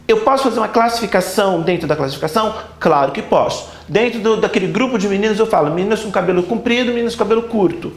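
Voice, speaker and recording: Casting: high, gravelly male teacher lecturing in an echoey classroom, insistent and repetitive. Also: quick pace, hardly any pauses. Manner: emphatic, repeats key points with rhetorical checks. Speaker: grammar teacher.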